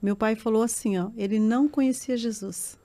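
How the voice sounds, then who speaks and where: A woman's voice: fairly high pitch, moderate pace, warm tone. Emotional woman giving testimony. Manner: earnest, emotional storytelling that swells into tearful intensity.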